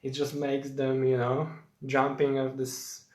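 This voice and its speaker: A young Slovak man hosts a casual live Q&A in English with a Slovak accent, chatting and rambling with many fillers while greeting viewers by name. His medium-pitched voice is monotone and a little slow, and the sound is roomy.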